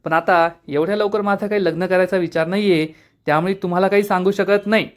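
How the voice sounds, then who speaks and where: A man's voice: high voice, fairly even intonation, fast, natural voice. A man reading the lines of a bashful, evasive young man in a serial recap.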